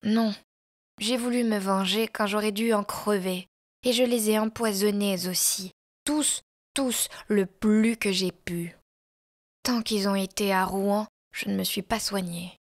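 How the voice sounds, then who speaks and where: A woman's voice: medium pitch, fairly even intonation, moderate pace, creaky, natural voice. A woman voicing a sick, tearful young woman who speaks in breathless, emotional pleas, in a storybook reading. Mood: vengeful.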